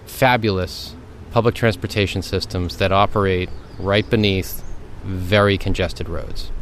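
A man with a lowish voice explains like an expert in an interview. He is conversational and emphatic, often checking that the listener follows, over faint background noise.

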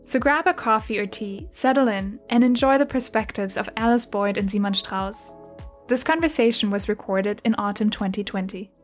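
A woman hosting a podcast, reading a smooth, even scripted introduction and asking interview questions. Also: mid-range voice, moderate pace, soft background music. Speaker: podcast host.

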